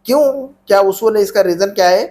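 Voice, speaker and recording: A man's voice: high-pitched, brisk, darkish tone. A man teaching an Arabic grammar class, patiently repeating questions and prompting students to answer back. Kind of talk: classroom grammar lesson with call-and-response drilling.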